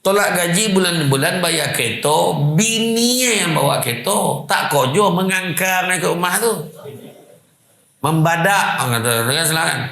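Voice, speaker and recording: Man, preacher, animated storytelling, gravelly, echoey hall. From Malaysia. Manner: animated, swings pitch widely, acts out quoted people. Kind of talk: lively religious lecture with storytelling. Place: madrasah hall.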